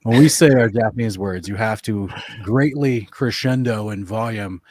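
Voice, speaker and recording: A man's voice: lowish voice, moderate pace, darkish tone. A man on a discussion panel, joking and playful. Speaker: panel guest.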